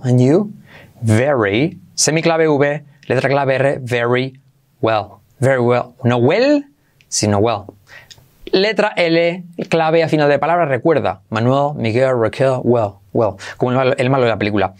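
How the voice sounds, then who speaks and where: A man teaching English phrases in a casual video lesson, playfully repeating words slowly to model how they sound. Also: mid-range voice.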